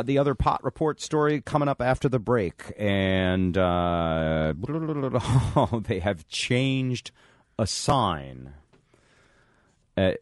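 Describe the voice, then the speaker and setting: A man's voice: deep voice, dry recording, studio quality. A man hosting a radio show, talking and reading to listeners. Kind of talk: radio talk and live-read ads.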